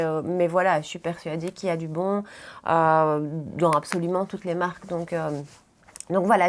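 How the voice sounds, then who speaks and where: Chatty Belgian woman doing makeup. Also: fairly high pitch. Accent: Belgian French, Brussels area. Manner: chatty, many fillers like "euh, voilà". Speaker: beauty YouTuber. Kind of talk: casual Q&A chat while doing makeup.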